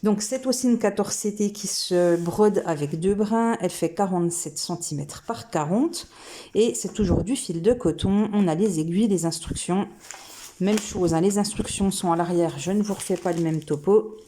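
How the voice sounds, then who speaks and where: A woman's voice: mid-range voice, normal speed, mellow, slight background noise. A woman hosting a craft video, chatting casually and enthusiastically as she unboxes cross-stitch kits, thinking aloud with many hesitations. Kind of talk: casual unboxing chat to camera.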